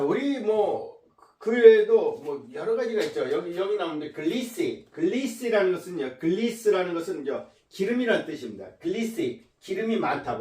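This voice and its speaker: A man teaching a lecture, often repeating words slowly to drill their pronunciation. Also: a little high, dark tone, roomy sound, far from the mic. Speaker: English teacher.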